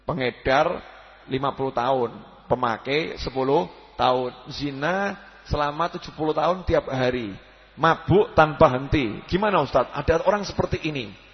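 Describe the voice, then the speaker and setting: A man's voice: a little high, normal speed. A man preaching a sermon, telling stories, acting out prayers and quoted voices, and asking his listeners questions. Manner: lively storytelling, acts out quoted prayers and voices, asks the audience questions. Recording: dull lo-fi sound with long reverb in a hall.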